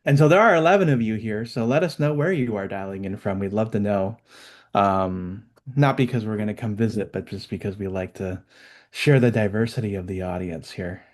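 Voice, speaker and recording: A man with a somewhat low voice hosts an online webinar. He talks in a chatty, upbeat way, full of fillers and restarts. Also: a little fast. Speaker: webinar host. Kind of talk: casual webinar chat.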